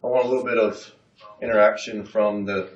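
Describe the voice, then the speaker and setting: A man's voice: on the low side, fairly even intonation, fairly quick, slight background noise. A man giving a workshop presentation in a casual, folksy, self-deprecating way, drawing the audience in. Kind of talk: casual seminar talk with audience interaction. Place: conference room. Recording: roomy, dull, from a distance.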